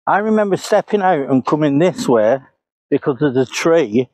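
Outdoors in woodland, a paranormal investigator recounts his route aloud in a casual walk-and-talk vlog. His fairly high voice is expressive and a little mellow at normal speed, picked up without echo by a clip-on lapel mic.

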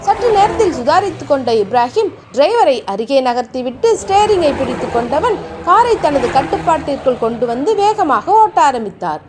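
A young adult woman narrating a novel aloud in a steady, dramatic reading. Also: high-pitched, moderate pace, hardly any pauses, noisy background. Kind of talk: storybook narration.

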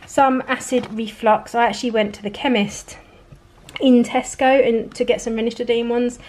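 A woman's voice: fairly high pitch, little pitch movement, moderate pace, a little mellow. A woman in her thirties from England, casually chatting through a grocery haul at home while filming on a handheld phone, thrifty and full of rambling asides. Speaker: family vlogger. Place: home kitchen, indoors. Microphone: handheld phone camera filming groceries.

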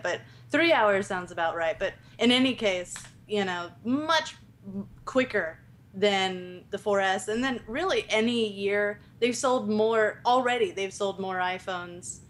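A woman co-hosting a podcast in casual tech chat, talking chattily with frequent ums and giggles. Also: medium pitch. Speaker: podcast co-host.

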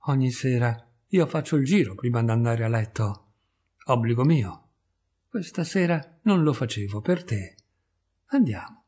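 A man's voice: mid-range voice, animated, measured pace, mellow, husky. A man playing a middle-aged cemetery keeper who speaks in a subdued, bitter, grave way. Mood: gloomy.

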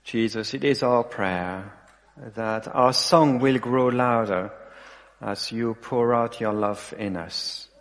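A man leading a solemn, measured prayer in a church service at a pulpit microphone. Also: medium pitch. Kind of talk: spoken prayer and service announcement. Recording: long church reverb.

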